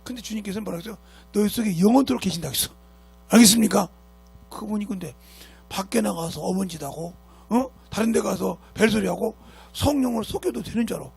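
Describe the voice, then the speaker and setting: A man's voice: sits high, brisk, creaky, husky, soft background music. A man preaching a sermon as pastor, emphatic and scolding, who keeps asking his congregation rhetorical questions. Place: church sanctuary.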